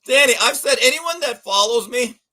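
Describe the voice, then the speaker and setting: A man hosting a casual sports podcast, telling a story with animated delivery and acted voices. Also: extremely high pitch, normal speed, poor audio. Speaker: podcast host.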